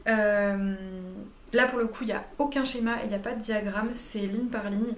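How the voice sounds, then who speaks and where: A woman's voice: a little high, steady tone, normal speed. A woman chatting casually in her knitting vlog, talking easily with many fillers and self-corrections. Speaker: knitting vlogger. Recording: roomy echo, faint background hum.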